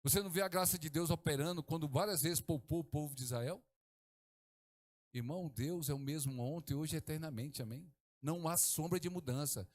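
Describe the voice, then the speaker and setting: A middle-aged man from Brazil, preaching a sermon as pastor, swinging from hushed to exclaiming. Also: fairly high pitch, a little fast.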